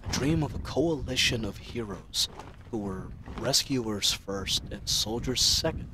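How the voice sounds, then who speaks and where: A man with a mid-pitched voice plays an earnest, chatty young knight captain in a fantasy audio drama, idealistic and teasing. His monologue is reflective yet playful, wistful and earnest, delivered expressively and unhurriedly in a natural way with a tendency to ramble. A noisy bed of added outdoor ambience sound effects plays clearly behind him.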